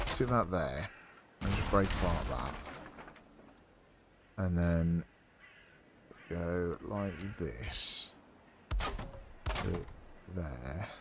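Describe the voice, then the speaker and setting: Guy gaming and chatting, lowish voice, rambly, swears a lot, bit of faint noise behind. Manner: rambling, swears often, lots of fillers. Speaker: game streamer. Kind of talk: casual chat while playing a game.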